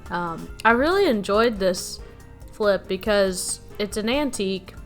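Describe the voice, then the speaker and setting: A woman's voice: medium pitch, measured pace, soft background music. A woman hosting a furniture flipping vlog, chatting casually and rambling with fillers while she cleans and works. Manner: relaxed, rambling, self-deprecating, with fillers. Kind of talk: casual chat while working.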